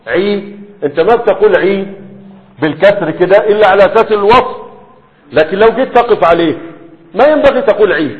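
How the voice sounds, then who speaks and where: A man's voice: high-pitched, quick pace, pauses often. A man with an Egyptian accent teaching a grammar lesson, explaining step by step and often checking that students follow. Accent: Egyptian Arabic. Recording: tinny, echoey hall.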